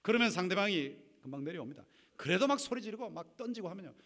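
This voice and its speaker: A man preaching a sermon to his congregation, acting out quarrelling spouses and swinging between loud bursts and near-whispers. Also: high voice, animated, quick pace. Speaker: pastor. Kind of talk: sermon on marriage conflict.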